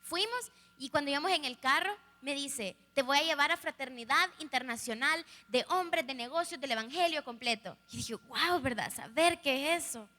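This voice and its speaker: Young salvadoran woman telling her story to a crowd, high sharp voice, long echo in a big hall. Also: moderate pace, hardly any pauses. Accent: Salvadoran Spanish. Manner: candid, humorous storytelling that addresses the audience directly. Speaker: youth speaker giving testimony. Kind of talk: personal testimony to a live audience. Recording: echoey hall, live stream.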